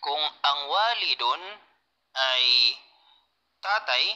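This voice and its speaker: Bright-voiced man teaching Arabic. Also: on the high side, animated, very slow, low-quality recording. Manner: patient, repeats key points, answers students. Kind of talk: online class lecture.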